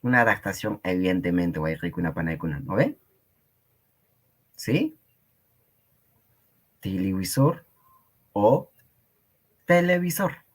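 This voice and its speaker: A man's voice: sits low, very animated, normal speed, pauses often, breathy edge. A man teaching a Quechua class online, patiently repeating and explaining words for his students, with a Peruvian Spanish accent.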